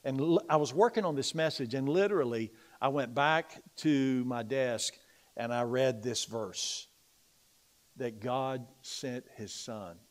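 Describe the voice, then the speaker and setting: A middle-aged male pastor preaching a sermon in a church. He moves between loud, emphatic preaching and quiet, confiding personal stories. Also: medium pitch, unhurried. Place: church sanctuary.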